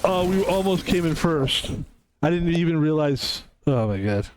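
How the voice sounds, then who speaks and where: A man's voice: on the high side, expressive, normal speed, noisy background. A man in his fifties chatting casually while streaming a game, rambling and correcting himself as he thinks aloud. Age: 50s. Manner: rambling, reflective, self-correcting. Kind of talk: casual chat while gaming.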